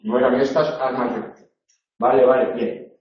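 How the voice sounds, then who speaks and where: A man from teaching a university tutorial, going through spelling examples slowly and checking in with "¿eh?". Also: mid-range voice, steady tone, slight background noise. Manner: slow, deliberate spelling drills with questioning "¿eh?". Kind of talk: recorded tutorial lecture. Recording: roomy, dull lecture recording.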